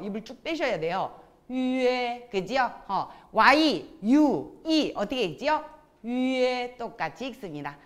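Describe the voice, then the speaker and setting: A woman teaches a pronunciation lesson and drills each sound. Her voice sits a little high and rises and falls in a lively way. She cues the class to repeat after her. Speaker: Chinese language teacher.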